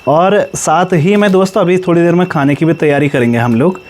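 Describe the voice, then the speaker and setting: A young man with an Uttarakhand Pahadi accent, chatting loudly and quickly as a family vlogger telling stories at home. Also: fairly high pitch. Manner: talks loud and fast, storytelling. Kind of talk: casual family vlog chat.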